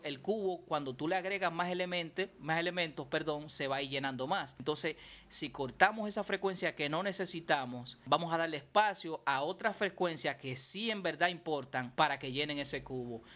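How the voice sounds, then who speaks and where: Guy explaining music production, kinda high voice, talks loose and repeats stuff. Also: normal speed, sharp tone. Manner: chatty, repeats and restarts phrases while explaining. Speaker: music producer teaching vocal mixing. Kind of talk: casual tutorial.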